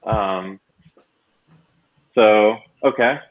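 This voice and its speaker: A man's voice: fairly low pitch, drawn-out words. A man hosting a livestream in a loose, chatty way with many fillers, his voice coming through a robotic, metallic-sounding mic on a video call. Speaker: livestream host. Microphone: computer mic on a video call. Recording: tinny, phone-like online call audio.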